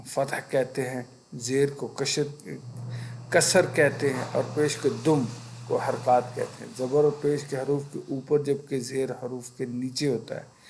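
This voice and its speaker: Gravelly-voiced man teaching a Quran lesson. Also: medium pitch, a little mellow, slight background noise, poor audio. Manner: patient, deliberate, searching for words mid-sentence. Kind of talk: religious lesson, explaining step by step.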